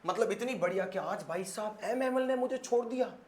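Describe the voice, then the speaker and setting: A man's voice: sits high, brisk, darkish tone. A man from Rajasthan with a Marwari-tinged accent, teaching a bilingual lesson in a dramatic storytelling manner and talking straight to his students. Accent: Marwari-tinged Hindi. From Rajasthan, India. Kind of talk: animated bilingual lesson explanation. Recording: echoey room.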